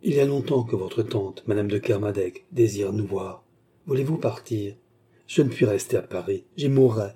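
A man's voice: lowish voice, normal speed, dark tone, slightly rough. A man reading the part of a grief-stricken, resolute young woman in an audiobook, earnest and pleading.

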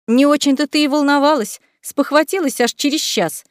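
A woman's voice: sits high, normal speed, no room sound, studio quality, pitched above the performer's own voice, lightly acted. A woman voicing a bold, mocking young noblewoman in a storybook reading, teasing and self-assured.

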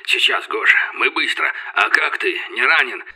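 A flustered, fast-talking young fellow heard over a crackly army radio, as a male narrator puts him on. The voice is harsh and sharp, with a husky, grainy edge. It sounds filtered and distant, as if through a headset. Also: medium pitch, animated.

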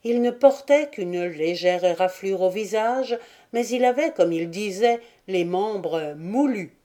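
A woman narrating an adventure novel as an audiobook, reading in a steady, deliberate way. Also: medium pitch. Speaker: audiobook reader. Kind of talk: scripted narration.

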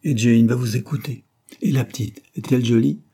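A man voicing a bold, impetuous young woman in an audiobook, talking in eager, quick questions. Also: medium pitch, fairly even intonation, warm tone, breathy edge. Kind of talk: audiobook character reading.

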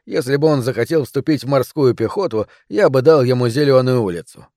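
A man voicing a calm, patient doctor who speaks in a measured, reassuring way. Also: medium pitch, dry recording, clean studio sound, lightly acted.

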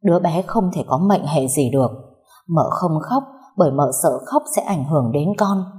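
Low, mellow-voiced woman narrating a story. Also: normal speed. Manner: steady, emotive reading.

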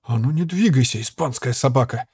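A man voicing a hot-tempered young man who shouts loudly and brashly in a storybook reading. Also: medium pitch, brisk, slightly rough, dry recording. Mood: angry. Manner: loud, brash, outraged.

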